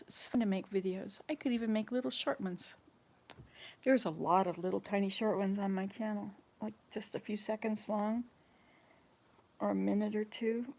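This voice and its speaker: A woman in her sixties talks casually to her viewers as she cleans her house, wandering from one chore to another. Her voice sits a little high, with creak and a darkish tone.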